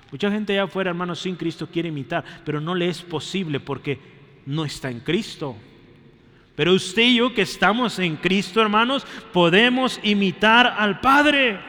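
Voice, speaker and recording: A man preaching a sermon to a congregation, calling them brothers and checking in with quick questions. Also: sits high, sharp tone, long reverb tail. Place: church.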